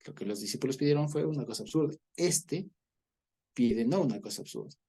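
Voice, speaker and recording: A man's voice: medium pitch, animated, brisk, mellow, breathy edge. A man teaching a Bible study, explaining at length, repeating words and checking in with listeners.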